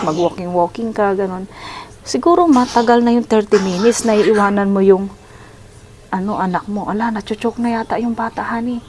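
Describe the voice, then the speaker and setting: A woman's voice: fairly high pitch, a little mellow, a little hiss or hum. A middle-aged Filipino woman vlogging from a hospital room, chatting in a sympathetic, conversational way and slipping English words into her speech. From Philippines. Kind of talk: casual storytelling vlog.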